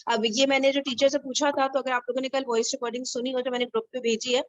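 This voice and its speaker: High-voiced woman leading a study group. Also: level tone, no echo. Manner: explains patiently, keeps checking understanding with "theek hai?". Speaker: Arabic grammar study group leader. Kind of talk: online group class explanation.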